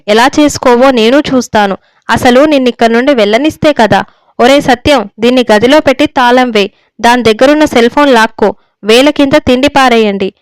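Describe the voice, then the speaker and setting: A woman reading a story voices a stern, domineering older father who shouts and scolds harshly, in a dry, clear recording. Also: fairly high pitch, dry recording, lightly acted.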